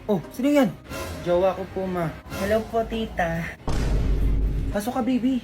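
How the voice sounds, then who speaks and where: A woman's voice: medium pitch, normal speed. A woman from the Philippines performing brash, bickering comedy skit dialogue, teasing and scolding. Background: background music.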